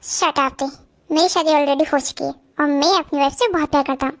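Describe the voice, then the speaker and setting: A woman voicing a devoted young husband who fears for his wife, in a fan-made audio drama. She speaks earnestly and dips her voice a little lower for him. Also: steady tone, brisk. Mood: firm, loving.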